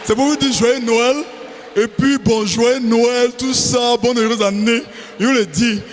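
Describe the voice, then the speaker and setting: A male stand-up comedian, performing on stage with animated bursts and many put-on voices. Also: extremely high pitch, measured pace. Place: large venue on stage. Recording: hall echo with faint crowd ambience.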